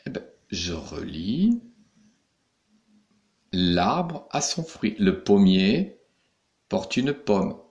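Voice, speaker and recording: A man's voice: lowish voice, very animated, very slow, long pauses, a little mellow, highs cut off. A man teaching young pupils in a recorded lesson, patiently explaining each step. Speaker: primary school teacher.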